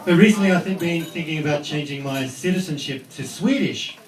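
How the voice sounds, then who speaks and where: A man's voice: a little high, a little fast. A man with an Australian accent doing a chatty, self-deprecating stand-up set on a club stage. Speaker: stand-up comedian. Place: comedy club stage with audience. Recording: echoey club, distant mic, crowd laughter.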